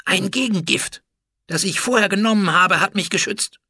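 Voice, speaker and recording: A man voicing a captured traitor in a storybook, hissing with spite and defiance. the voice is pushed up high and loud, with a bright, slightly husky edge. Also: normal speed, dry recording, studio quality, full character voice. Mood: hateful. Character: hateful defiant male food taster, captive.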